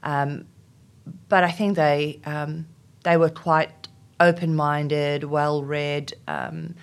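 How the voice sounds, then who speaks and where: Slow and deep, with little pitch movement, this middle-aged woman from South Africa, a native Afrikaans speaker working as an HR executive, responds thoughtfully as an interview guest. She frequently says "um" and restarts her sentences.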